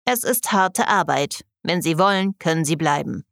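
A woman reading an audiobook, voicing an eerie old man who speaks slowly, formally and without emotion. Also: low voice, dry recording, clean studio sound. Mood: measured. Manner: slow, measured, deadpan.

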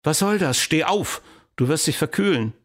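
A man's voice: a little high, animated, normal speed, pitched above the performer's own voice, lightly acted. A man reading a storybook aloud and voicing a cautious, fussy father who talks in a scolding tone. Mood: alarmed. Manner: scolding, dismissive.

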